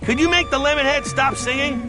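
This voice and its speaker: A man's voice: extremely high pitch, a little fast, over loud music. A man voicing a laid-back, slangy talking dog in a cartoon. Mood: casual. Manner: casual, slangy. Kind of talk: cartoon voice acting.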